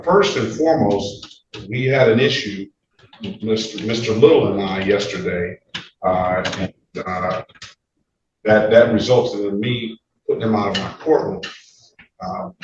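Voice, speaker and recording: A man's voice: on the low side, recorded from a distance, highs cut off, slight background noise. A man presiding as judge in court, firm and controlling, heard on a courtroom recording. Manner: stern, firm, interrupts to keep control. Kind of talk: courtroom proceedings. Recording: echoey courtroom from afar, faint music.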